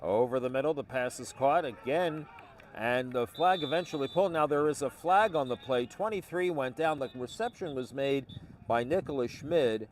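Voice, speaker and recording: A man's voice: mid-range voice, normal speed, a little hiss or hum. A man calling live flag football play-by-play in short, clipped phrases. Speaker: play-by-play announcer.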